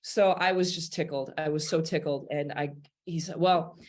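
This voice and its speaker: A woman from Wisconsin, a jazz singer and pianist, telling a lively story in an interview and acting out the quotes. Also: sits low, normal speed. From Wisconsin, USA. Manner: lively anecdotal, acts out quotes.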